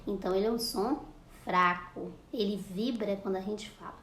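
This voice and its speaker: A woman's voice: mid-range voice, normal speed, fairly bright tone. A woman teaching a lesson to young children, patiently repeating words and sounding out syllables. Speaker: primary school teacher. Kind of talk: recorded classroom lesson for children. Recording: echoey room, faint ambience.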